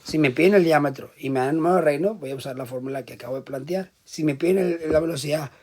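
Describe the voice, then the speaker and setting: A male teacher lectures in a voice that sits a little high. He works through each step and keeps turning to the class with short questions. His volume swings from loud emphasis to quiet asides. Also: fast talker, a little hiss or hum. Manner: explains step by step, checks in with frequent questions to the class.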